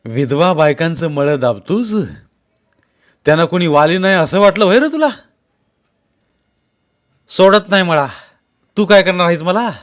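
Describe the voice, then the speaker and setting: A man's voice: high-pitched, lively intonation, a little slow, pauses often, pitched above the performer's own voice. A man voicing a fierce, avenging village strongman who roars his demands. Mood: furious. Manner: roaring, commanding.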